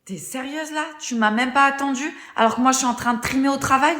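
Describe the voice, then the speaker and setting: A woman's voice: high voice, fast, fairly bright tone, echoey room. A woman's text-to-speech voice playing a blunt, slangy, evasive young boyfriend in a scripted story. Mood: scornful.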